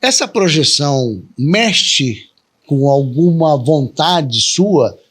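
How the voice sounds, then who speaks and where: Man, husky, TV interview host, polite, measured. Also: a little high, lively intonation, fairly bright tone. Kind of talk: TV interview hosting.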